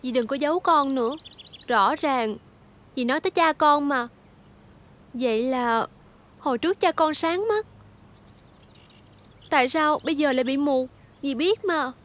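An actress with a Southern Vietnamese accent playing a devoted, earnest young daughter who speaks politely and coaxes. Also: female voice, high voice, measured pace, pauses often, a bit bright. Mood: pleading. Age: young adult.

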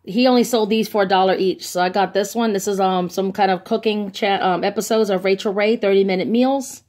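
A woman's voice: medium pitch, fairly even intonation, fairly quick, darkish tone. A woman casually showing off her bargain finds on camera, chatty and gushing, with lots of ums, recorded on a handheld phone. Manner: chatty, enthusiastic, many ums. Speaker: vlogger. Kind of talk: casual haul video. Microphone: phone held by the speaker, off camera.

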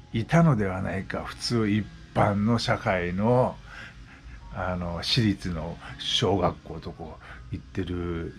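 Low-voiced man in his sixties, chatty. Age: 60s. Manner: chatty, explains with repeated examples. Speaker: vlogger. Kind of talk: casual monologue. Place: West Oahu, Hawaii.

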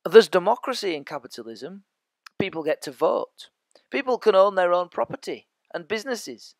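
High-voiced man giving a chatty lesson. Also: lively intonation, normal speed, no room sound. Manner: chatty, jokey asides to listeners. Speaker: teacher. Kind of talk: educational podcast lecture.

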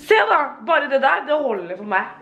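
A young woman vlogging her birthday morning at home, talking casually and getting excited and teary. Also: high voice, a little hiss or hum. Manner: excited, swearing, tearful exclamations. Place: apartment indoors.

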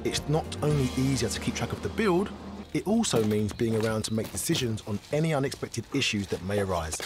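A British man presents renovation tips with a lively, rising and falling voice. Music plays clearly underneath him. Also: mid-range voice, a little fast. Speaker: property show co-host.

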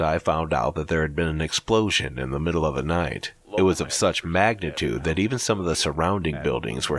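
A man narrating a scripted horror story in a measured, dramatic manner. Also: extremely low pitch, fairly bright tone.

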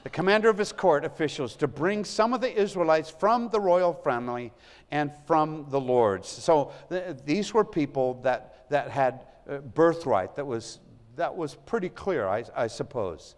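Male pastor, slightly higher voice, earnest sermon delivery with big volume swings, church hall reverb. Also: lively intonation, measured pace. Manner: earnest, swells and drops in volume for emphasis. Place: church sanctuary.

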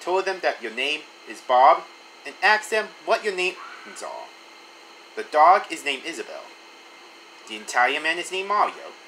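A man casually reading a text adventure aloud, in an animated voice that stumbles and restarts now and then. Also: a little high, normal speed, slight background noise, low-quality recording. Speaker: channel host reading a story game aloud.

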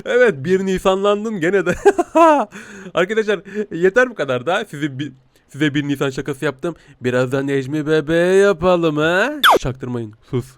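A man's voice: a little high, moderate pace, clean tone. A man giving playful, teasing game commentary as a talking cat, giggling often. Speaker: gaming YouTuber playing a talking cat.

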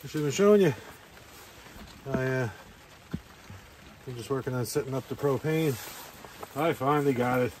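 A man's voice: medium pitch, moderate pace, long pauses, darkish tone, low-quality recording. A man rambling casually to camera as he narrates a camping vlog outdoors. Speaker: camping vlogger. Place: outdoors at a rainy campsite. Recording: faint outdoor ambient noise.

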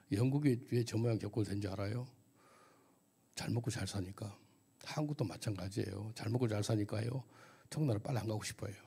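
A man's voice: on the low side, creaky, warm tone, husky. A missionary pastor giving a testimony sermon at a church service, telling his story vividly and asking the audience questions.

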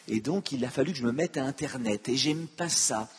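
A man's voice: mid-range voice, fairly quick, husky. An older man giving a public lecture, with witty, self-mocking asides to the audience. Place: conference hall. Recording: long hall reverb.

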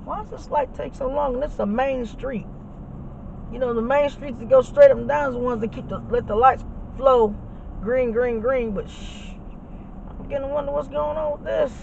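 Loud road and engine noise surrounds a male vlogger whose extremely high, gravelly voice moves at a moderate pace, its upper frequencies clipped. Driving a truck, he chats casually with viewers on a dashboard camera in a loud hype style peppered with slang and curses.

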